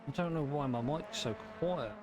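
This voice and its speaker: A man with a fairly high voice commentates casually on a livestreamed race. He talks in an informal, matey way, like someone chatting with regulars. There is clear engine noise around his mic. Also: normal speed. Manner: informal, matey, mild swearing. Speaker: sim racing livestream commentator. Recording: noisy mic with engine sounds.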